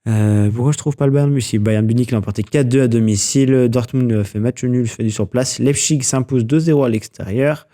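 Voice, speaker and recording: A man with a mellow, warm voice hosts a casual sports news roundup. He chats loosely, full of fillers, hesitations and quick self-corrections. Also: mid-range voice. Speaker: sports news podcast host.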